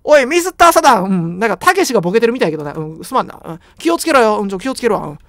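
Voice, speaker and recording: A man's voice: high voice, very animated, very fast, a bit bright, no room sound, studio quality. A young man with a Kansai accent giving joking, rambling commentary while playing a horror game. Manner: joking, rambling, self-deprecating banter. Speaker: game streamer.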